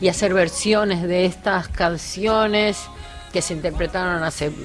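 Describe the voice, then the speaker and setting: A woman with an Argentine accent, a singer chatting as a guest on a radio show, talking warmly and laughing easily. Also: on the low side, fairly even intonation, measured pace, faint music behind. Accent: Argentine Spanish. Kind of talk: casual radio interview.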